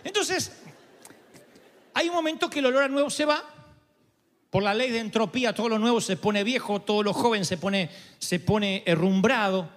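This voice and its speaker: A man's voice: high-pitched, normal speed, long pauses, long reverb tail. A pastor preaching a sermon, emphatic and dramatic, his voice swooping up and down as he drives each point home.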